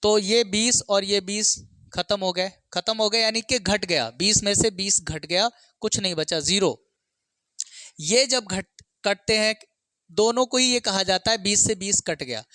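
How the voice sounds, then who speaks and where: With a high, sharp-toned voice and no echo, this man gives instructional maths lessons aimed at an exam. He solves problems step by step, answers his own questions, mixes English terms into his speech, and checks in with frequent check words.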